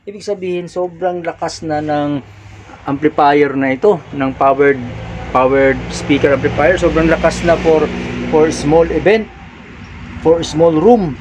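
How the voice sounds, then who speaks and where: A man giving a casual hands-on lesson on setting up a mixer, explaining step by step and shouting test calls into a microphone. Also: fairly high pitch, fairly even intonation, measured pace. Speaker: sound equipment tutorial host. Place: room with a mixer and powered speaker. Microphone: handheld microphone, held at varying distance. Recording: dull sound with faint background noise.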